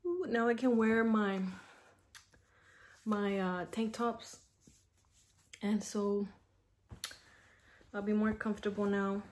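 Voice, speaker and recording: A woman's voice: medium pitch, slow pace, pauses often, darkish tone. A young woman talking casually to her camera at home, chatty and frank, with lots of fillers. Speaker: vlogger. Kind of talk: casual vlog talk to camera.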